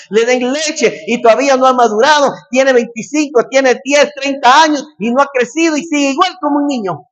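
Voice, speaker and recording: Male pastor, high voice, emphatic repetitive preaching, muffled lo-fi sound. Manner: emphatic preaching, repeats phrases, shouts calls. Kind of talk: sermon.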